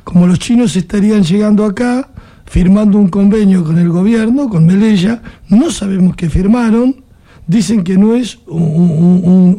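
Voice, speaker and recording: A man's voice: sits high, dark tone. An Argentine man hosting an interview, thinking aloud and asking pointed questions.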